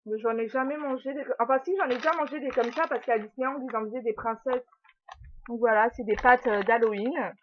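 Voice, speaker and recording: A woman's voice: fairly high pitch, fairly quick, a little hiss or hum. A young woman chatting casually and giggling through a haul video at home, filling her talk with little hesitations and talking to her puppy. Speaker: vlogger. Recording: dull lo-fi sound.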